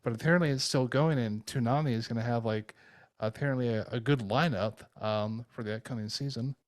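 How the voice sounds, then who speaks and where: Smooth-voiced male podcast host. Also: medium pitch, brisk, dry recording. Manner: relaxed, filler-heavy, moderating turns. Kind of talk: casual roundtable chat.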